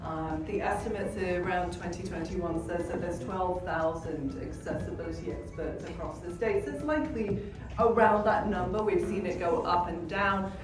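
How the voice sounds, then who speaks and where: A woman's voice: fairly low pitch, moderate pace. Chatty British woman giving a keynote. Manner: chatty, jokey asides to audience. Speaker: conference speaker. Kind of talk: conference keynote talk. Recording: echoey hall, distant mic. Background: music bed.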